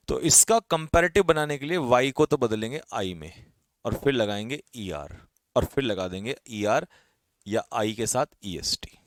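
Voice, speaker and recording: A man's voice: mid-range voice, no room sound, studio quality. A man with an Indian accent teaching an English grammar lesson for exam prep, explaining step by step and asking and answering his own questions. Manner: calls students brother, drops his voice at ends of lists.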